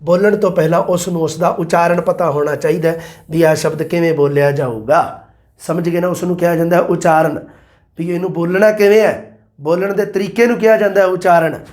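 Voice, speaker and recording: A man gives a chatty exam-prep lecture in a high voice. He repeats key points and keeps quizzing his listeners. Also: steady tone, fairly quick, a little mellow. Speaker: teacher.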